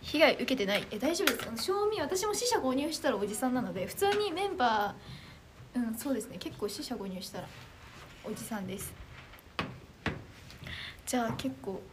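A teenage girl from Chiba chatting casually on a livestream, reading viewer comments in a bubbly, animated, self-deprecating way. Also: a little high, fairly quick, pauses often, noisy background. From Chiba, Japan. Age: teens. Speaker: idol trainee streamer.

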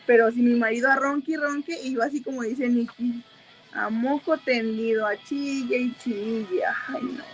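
A Mexican woman with a slightly high voice talks casually while applying her makeup. She is chatty and giggles often, padding her sentences with loose fillers. Faint music plays behind her. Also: steady tone, moderate pace, low-quality recording. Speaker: makeup seller and host.

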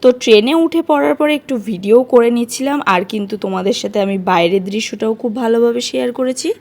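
A woman's voice: a little high, quick pace, vocal fry, a little mellow. A woman, vlogging casually and chatting straight to her viewers. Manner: chatty, addresses viewers directly as guys. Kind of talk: casual vlog talk to viewers. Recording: noisy background ambience.

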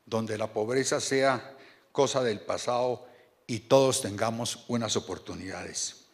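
Standing at a podium mic on a stand in a big banquet hall, a man from Colombia, a board chairman, reads a formal speech from paper. His mid-range voice stays earnest and measured, though he restarts a few phrases.

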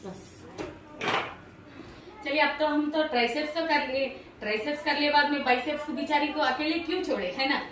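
This casual workout demonstration comes from an upbeat, chatty fitness vlogger, a high-voiced woman who speaks directly to her viewers. She's in a very echoey small home gym indoors, recorded from a distance by the camera, so her fairly bright voice sounds far off. A little hiss or hum runs underneath.

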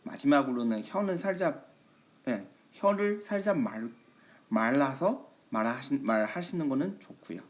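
Slow, lively-voiced male language teacher. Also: medium pitch. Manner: patient, repeats "예" often, slow model readings of Chinese. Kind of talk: online language lesson.

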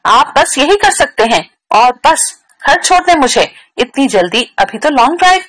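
A woman's voice: sits high, big pitch swings, normal speed, a bit bright, low-quality recording. A woman voicing an upset young woman who speaks reproachfully and bitterly in a read-aloud novel.

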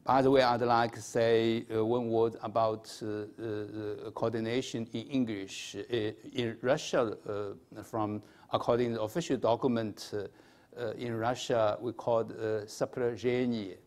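A man in his sixties with a Chinese accent, giving a formal lecture at a podium in a halting, hesitant manner with repeated words. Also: fairly low pitch, flat delivery, a little mellow. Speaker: academic conference speaker. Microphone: podium microphone.

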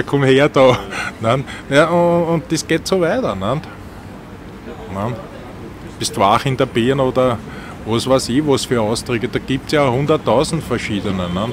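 A man's voice: medium pitch, expressive, measured pace. An older man with a Viennese German dialect, reminiscing casually in a rambling, colloquial way with frequent tag questions. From Vienna, Austria. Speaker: taxi driver. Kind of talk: casual reminiscing about dialect and city life. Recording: clear vehicle and street noise.

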